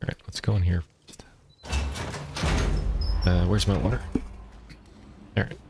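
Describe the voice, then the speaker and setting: A man streaming a video game, talking in a rambling, casual way with a deep voice and explaining things between plays. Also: flat delivery, unhurried, creaky, heavy background noise. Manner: rambling, explains while playing, many fillers. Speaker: gaming streamer. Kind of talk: casual gameplay chat. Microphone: streaming microphone.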